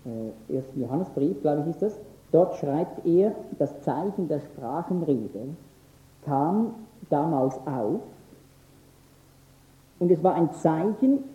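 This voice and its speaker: Bible teacher, male, earnest, emphatic, some filler pauses, thin phone-band sound in a roomy echo. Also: fairly high pitch. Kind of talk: lecture on scripture. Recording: echoey, phone-like lo-fi recording.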